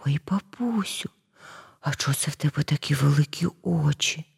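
A woman's voice: low voice, animated, normal speed, creaky, a little mellow, breathy edge, pitched below the performer's own voice, exaggerated voice. Woman doing a timid little girl.

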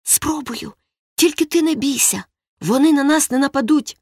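A woman voicing a frightened but eager boy, whispering in a hushed, excited way for a storybook reading. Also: high voice, normal speed, dry recording, clean studio sound, pitched above the performer's own voice. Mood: tense whispering.

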